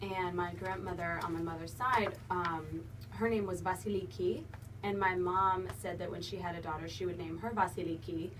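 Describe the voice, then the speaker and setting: A young woman from Georgia chatting as a radio guest, giggly and easygoing, her voice bright and clear. She sits a bit back from the studio mic, and a faint hiss runs underneath. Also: lowish voice, steady tone, normal speed, recorded from a distance. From Georgia, USA. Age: young adult. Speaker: studio guest, pageant winner. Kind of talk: casual radio interview.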